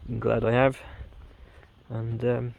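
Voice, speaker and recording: A man chatting casually through an outdoor camping vlog, relaxed, with plenty of ums. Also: mid-range voice, slow pace, creaky. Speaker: wild camping vlogger. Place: outdoors on a windy hillside.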